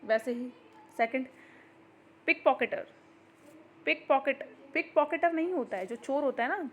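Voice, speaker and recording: A woman teaching an exam-prep grammar lesson, explaining patiently and reading example sentences slowly. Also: high voice, fairly bright tone.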